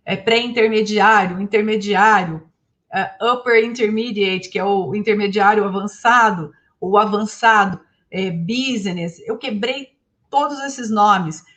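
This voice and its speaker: A woman from Brazil whose first language is Portuguese, giving a lively talk as an English teacher and asking her audience questions. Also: medium pitch, unhurried, muffled recording. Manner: animated, asks the audience questions.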